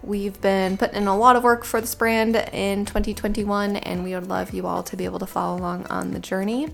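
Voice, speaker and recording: Woman with a creaky, vocal-fry voice. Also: medium pitch, flat delivery, a little fast, fairly bright tone. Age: late 20s. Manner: reflective, chatty, many "like" fillers. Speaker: podcast co-host. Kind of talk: casual podcast chat.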